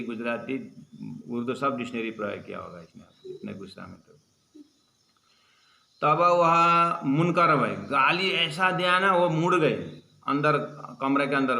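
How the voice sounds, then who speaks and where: A man's voice: medium pitch, gravelly, pushed and bright. A man teaching a religious class, retelling a story and stopping to explain the meaning of its words. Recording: echoey room.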